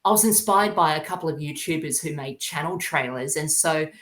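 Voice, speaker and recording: A young Australian man, a YouTuber appearing as a podcast guest, chats casually in a brisk, fairly bright voice on the high side. His delivery is hesitant and earnest. The recording sounds roomy and echoing.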